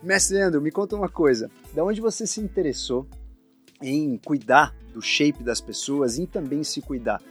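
A man hosting a casual interview. His voice sits slightly high, and he speaks in a friendly, chatty way. Faint music plays underneath. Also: normal speed, a bit bright, slightly rough. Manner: friendly, reacts with short interjections. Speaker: interview host.

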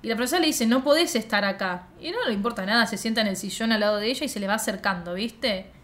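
A woman's voice: mid-range voice, racing, a bit bright. A young woman with an Argentine accent, co-hosting a casual podcast and recapping scenes in a chatty, slangy way. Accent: Argentine Spanish. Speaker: podcast co-host. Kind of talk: casual reaction podcast chat.

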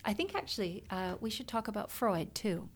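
A woman's voice: medium pitch, big pitch swings, normal speed, a little hiss or hum. A woman from Canada co-hosting a podcast, chatting casually about theory with frequent laughs and fillers. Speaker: podcast co-host. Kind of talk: casual academic chat.

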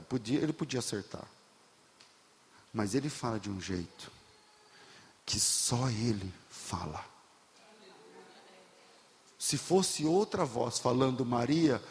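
Impassioned preaching man in a reverberant hall. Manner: builds to impassioned shouting, then drops low. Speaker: pastor. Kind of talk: sermon.

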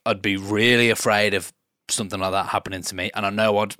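A man hosting a podcast interview in a relaxed, jokey way, swearing casually. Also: lowish voice, fast talker, dry recording, studio quality. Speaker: podcast host.

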